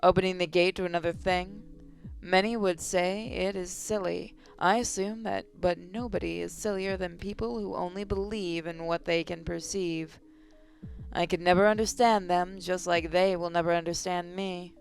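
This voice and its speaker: A young woman voicing a nervous, excitable young female inventor, narrating in first person with a breathless, shaky voice. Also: lowish voice, normal speed, vocal fry, faint music behind. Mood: brooding. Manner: breathless, voice shaking when excited.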